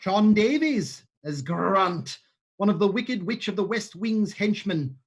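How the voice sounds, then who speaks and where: A man with a high, breathy-edged voice reads out the cast list and stage directions for a play reading, tossing in dry, sarcastic asides. He is both narrator and playwright, heard over a home microphone on a livestream.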